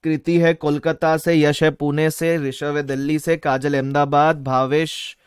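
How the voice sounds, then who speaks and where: A man with a Mumbai accent teaching a live online class, energetic, mixing Hindi and English and reading viewer chat aloud. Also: fairly high pitch, measured pace, clear, resonant tone, no room sound, clean studio sound. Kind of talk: live-streamed online lecture.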